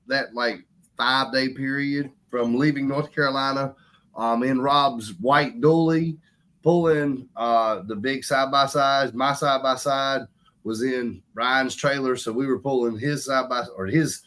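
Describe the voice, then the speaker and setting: A man's voice: medium pitch, fairly even intonation, measured pace, a bit bright. A man, an event announcer guesting on a podcast, telling a story in a folksy way and addressing listeners as y'all. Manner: folksy, talks to the audience as y'all. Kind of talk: casual storytelling.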